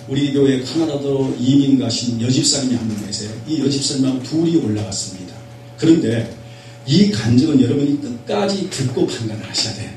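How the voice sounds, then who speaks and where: A middle-aged man preaching a fervent revival sermon as a pastor, moving between loud exhortation and quiet personal testimony. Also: mid-range voice. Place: prayer retreat hall. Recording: echoey hall from far off, faint hum.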